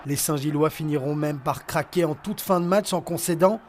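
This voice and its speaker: A man narrates a sports news report in a measured, dramatic way. His voice sits a little high. Faint noise hangs behind him.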